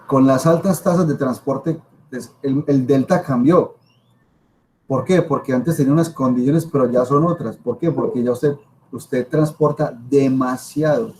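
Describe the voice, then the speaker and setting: Colombian guy prof lecturing casually, mellow voice, repeats stuff for emphasis, bit of background noise. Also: medium pitch, low-quality recording. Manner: emphatic, repeats himself, asks rhetorical questions. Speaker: university professor lecturing. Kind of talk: informal spoken lecture to students.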